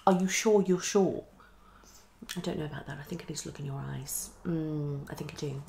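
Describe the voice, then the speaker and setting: A woman around her thirties, with a low, brisk, creaky voice and a warm tone, performs an ASMR psychologist roleplay in a small indoor living room. She mutters and repeats herself, slipping between whispers and speech in a fast, unpredictable way. There's slight background noise.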